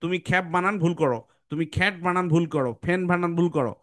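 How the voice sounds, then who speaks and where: High-voiced man teaching phonics. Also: dry recording, clean studio sound. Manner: asks and answers his own questions, repeats sounds slowly. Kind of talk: explanatory lesson to students.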